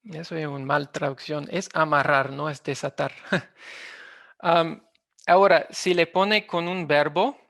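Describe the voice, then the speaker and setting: A man giving an academic presentation over a video call, speaking in a halting way and often stopping to search for words. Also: fairly high pitch, bright, forceful tone, no echo, studio quality. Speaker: linguistics presenter.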